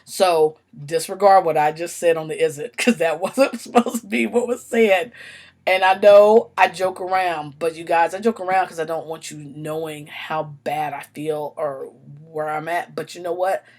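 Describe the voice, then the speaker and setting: A woman's voice: low-pitched, steady tone, normal speed, a little mellow. A woman talks straight to her viewers in a casual vlog, impassioned and rambling. She is unwell and stutters now and then, restarting lines and apologizing. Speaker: vlogger. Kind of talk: casual direct-to-camera vlog.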